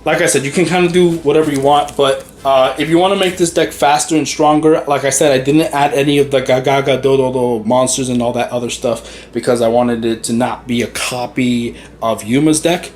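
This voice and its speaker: A man's voice: mid-range voice, steady tone, fairly quick, few pauses, a little hiss or hum. A man hosting a card game channel, giving a rambling, easygoing walk through his deck with many fillers and a little out of breath. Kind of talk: casual deck walkthrough.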